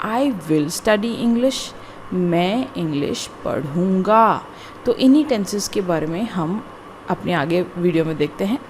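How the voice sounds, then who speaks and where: A woman teaching a grammar lesson, explaining slowly and deliberately word by word, with frequent repetition. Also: medium pitch, darkish tone, slight background noise. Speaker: English teacher. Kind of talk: classroom-style grammar lesson.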